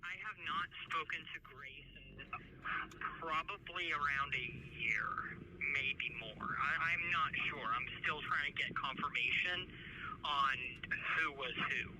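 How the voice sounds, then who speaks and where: A man calling from prison, speaking in a halting, hesitant way over a prison phone line. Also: on the high side. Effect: heard over a prison phone line. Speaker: caller from prison. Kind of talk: phone call. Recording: loud noisy phone line.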